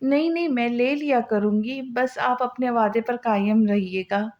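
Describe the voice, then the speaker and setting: A weary, gentle young woman who is quietly resigned, from an audio novel, voiced by a woman narrator. She speaks softly and pleadingly in a fairly high voice. The audio is slightly dull. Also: measured pace, natural voice.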